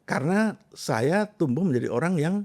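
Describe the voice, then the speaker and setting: In a conversational interview, a middle-aged guest who works as a self-transformation coach recounts personal stories with animated expression and lays out points with emphasis. His voice is fairly high and his speed normal.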